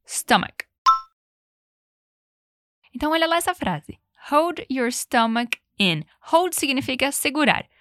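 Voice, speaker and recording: In an English lesson built on repetition drills, a woman teacher explains phrases and has the listener repeat them. Her voice is bright and slightly high, and she pronounces the examples slowly and clearly. The recording is dry and close.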